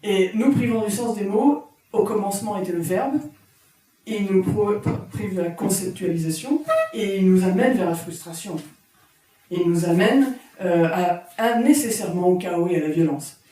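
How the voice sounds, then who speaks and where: A woman giving a conference talk as an author, halting and often repeating her words. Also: mid-range voice, warm tone. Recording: very echoey room from far off.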